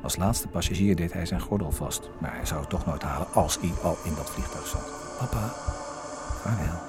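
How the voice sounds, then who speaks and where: A man giving hushed, fragmented first-person narration for a radio drama. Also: sits low. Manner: hushed, fragmented, halting phrases. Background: music.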